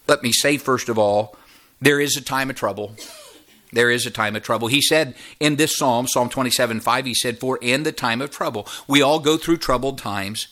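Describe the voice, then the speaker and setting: Man, 50s, pastor; sermon delivery that swells high and sinks low, bright and pointed. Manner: preaching with sweeping rises and drops in voice.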